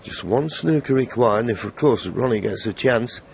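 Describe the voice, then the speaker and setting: A man giving hushed live snooker commentary in measured phrases, pausing between thoughts. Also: medium pitch, animated, creaky. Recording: crowd and loud arena noise behind. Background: snooker arena crowd ambience.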